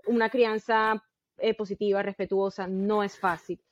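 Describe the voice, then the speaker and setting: A woman's voice: mid-range voice, flat delivery, normal speed, no room sound. Earnest woman in her thirties. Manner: earnest, explanatory, tells anecdotes at length. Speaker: guest. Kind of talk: casual podcast conversation. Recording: dull, dry sound.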